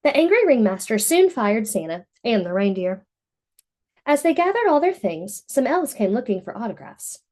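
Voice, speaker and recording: A woman with a voice on the high side reads a picture book aloud to young children at a moderate pace, telling the story expressively.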